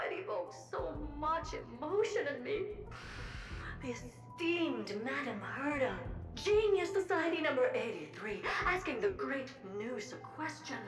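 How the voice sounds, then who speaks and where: A gushing theatrical storyteller. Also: female voice, sits high. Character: playful fawning female host of a tale, theatrical. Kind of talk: video game voice acting. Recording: roomy echo, distant, with game music.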